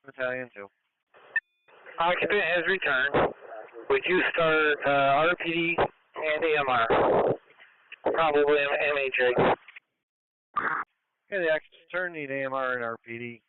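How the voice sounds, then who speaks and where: A man's voice: on the high side, measured pace, long pauses. A man, a fire officer, giving short, businesslike radio calls over a walkie-talkie. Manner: clipped, businesslike call-outs. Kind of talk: terse radio traffic. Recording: tinny two-way radio with static.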